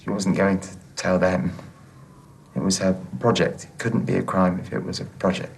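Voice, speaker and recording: A young man playing a simple, guileless character who talks in a halting, earnest, childlike way. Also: low voice, little pitch movement, gravelly, slight background noise, poor audio.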